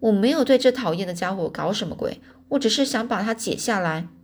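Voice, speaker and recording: A woman voicing a young farm boy who shouts back desperately in a panic. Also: mid-range voice, lively intonation, brisk, breathy edge. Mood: panicked shouting.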